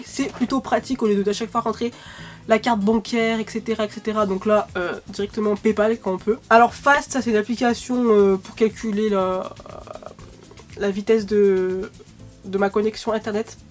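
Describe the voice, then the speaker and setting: A woman's voice: medium pitch, steady tone, moderate pace. Sick young woman chatting, faint music. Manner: chatty, rambling with many fillers. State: sick, coughing. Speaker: YouTuber. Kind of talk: casual vlog chat.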